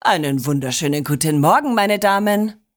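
A woman doing a deep jolly grandpa. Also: lively intonation, moderate pace. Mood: cheerful. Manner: boisterous, sputtering. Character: jolly old grandfather, cheerful then disgusted.

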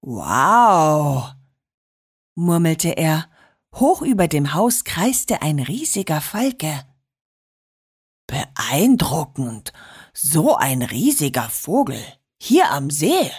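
Woman doing a low, easygoing storybook dad. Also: big pitch swings, takes it slowly, darkish tone, breathy edge, exaggerated voice. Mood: impressed. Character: easygoing good-natured father.

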